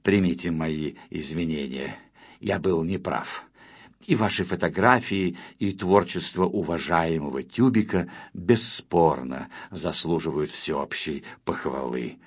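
A man's voice: deep voice, expressive, unhurried, breathy edge, pitched below the performer's own voice, exaggerated voice. A man voicing a small male artist who blusters in anger and then speaks in a courtly, formal way. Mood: gracious. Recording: dull lo-fi with faint music.

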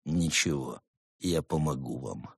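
Man doing a low, menacing stern monk. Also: a little slow, creaky, a bit bright, breathy edge, no room sound, studio quality, exaggerated voice. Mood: dry. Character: stern grim male monk, quietly menacing.

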